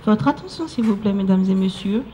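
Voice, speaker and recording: A woman's voice: mid-range voice, expressive, brisk, heavy background noise. An actress playing a formal female airport announcer, heard as a public address announcement in a drama. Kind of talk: scripted drama.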